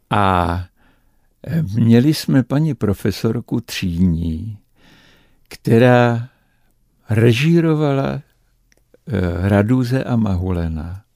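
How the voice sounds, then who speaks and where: A man's voice: medium pitch, big pitch swings, pauses often, darkish tone, no room sound, clean studio sound. An older man, an actor and entertainer, reminiscing in a radio interview and telling long anecdotes full of hesitations. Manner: rambling anecdotal storyteller, frequent hesitations.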